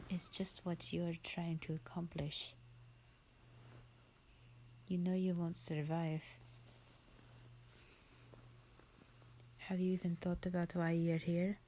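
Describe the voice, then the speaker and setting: A woman performs a thousands-of-years-old vampire in theatrical roleplay audio, her low, breathy, mellow half-whisper sounding amused and menacing. The haughty character drawls very slowly in a bored, condescending way. The audio quality is poor, with faint noise.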